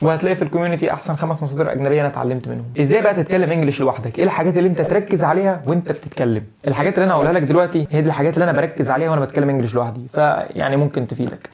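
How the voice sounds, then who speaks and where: A man's voice: on the high side, darkish tone. A young man with an Egyptian Arabic accent, giving casual, direct advice in a video lesson on learning English. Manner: direct, chatty advice to the viewer.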